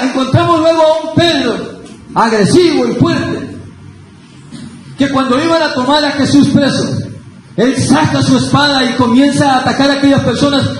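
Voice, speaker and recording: A man preaching a fervent Pentecostal sermon, breaking into shouted emphases. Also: very high voice. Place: church sanctuary. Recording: very echoey church hall, faint hiss.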